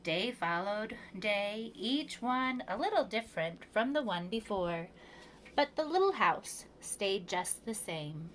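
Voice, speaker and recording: A preschool storyteller reads a children's picture book aloud for young kids, with measured, expressive phrasing. Her voice is mid-range, with a little hiss or hum in the audio.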